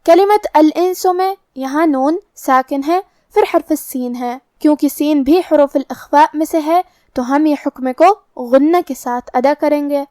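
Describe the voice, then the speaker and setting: A woman teaching Quran recitation, explaining the rules step by step in a calm, methodical way. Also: sits high, no room sound, clean studio sound. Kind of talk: recorded tajweed lesson.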